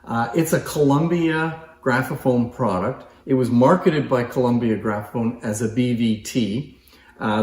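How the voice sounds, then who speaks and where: A man presenting antique phonographs speaks in a medium pitch, his voice a little mellow as it echoes clearly around the room. He explains informally, as in a hands-on demonstration, with a conversational, appreciative delivery.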